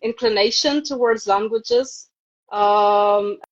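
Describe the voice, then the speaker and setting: A woman in her thirties, originally from Ukraine and speaking with a Ukrainian accent, takes it slowly in a medium-pitched voice. She's a native Ukrainian speaker chatting casually as a video-call interview guest, captured on a dull, lo-fi live stream.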